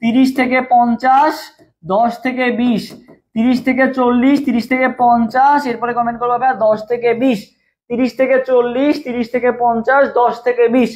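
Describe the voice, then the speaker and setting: A young man teaching admission test prep in a live online class speaks at normal speed in a very high, darkish voice with little pitch movement. He drills students with repeated questions and asks them to type answers in the comments, and the stream audio sounds dull and lo-fi.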